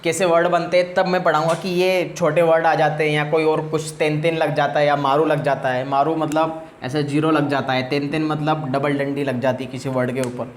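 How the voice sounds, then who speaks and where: Male teacher, fairly high voice, patient repetitive classroom delivery, roomy echo. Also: little pitch movement, a little hiss or hum. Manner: explains slowly, repeats each word. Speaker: Japanese language teacher. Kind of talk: classroom lecture.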